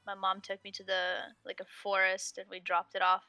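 A Russian woman hosting a casual gaming stream chats in English, not her first language, guiding friends through the game menus. Her mid-range voice is monotone, a little fast, bright, forceful, clear and resonant, with no room sound and soft music playing behind her.

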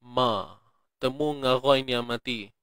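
A man with a Malaysian Malay accent teaching Quran recitation in an online class, chanting examples slowly and explaining in between. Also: mid-range voice, a bit bright, smooth, dry recording, clean studio sound. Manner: demonstrates pronunciation repeatedly, light laughs.

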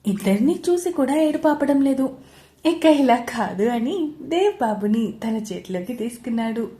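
A woman storyteller reading a serialized romance story aloud in a steady, expressive way. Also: on the high side, moderate pace.

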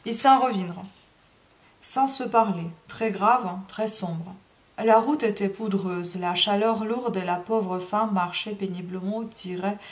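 A woman reading a classic novel aloud in a steady narrating voice, with small restarts now and then. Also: mid-range voice. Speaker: audiobook reader.

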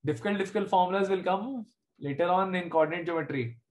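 Using a high, darkish voice and speaking fast, a middle-aged man with an Indian accent delivers a casual live maths lesson online. He sits at a desk indoors sharing his screen in a video class, testing understanding with quick questions.

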